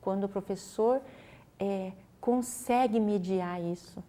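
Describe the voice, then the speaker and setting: Woman teacher, patient and instructive, mid-pitched interview guest. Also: takes it slowly, dark tone. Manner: patient, instructive, uses many fillers. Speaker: teacher explaining a literacy method. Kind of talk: explanatory studio interview.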